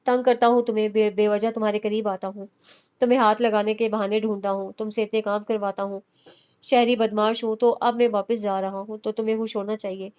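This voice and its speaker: A woman's voice: mid-range voice, level tone, a little mellow, clear, resonant tone, lightly acted. Woman reading as a teasing young city man.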